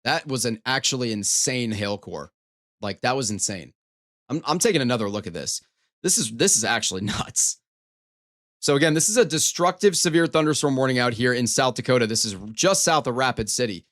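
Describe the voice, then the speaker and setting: A man's voice: medium pitch, lively intonation, brisk, fairly bright tone. A man hosting a live storm coverage stream, giving running weather commentary in an emphatic, repetitive way. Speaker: storm coverage livestream host.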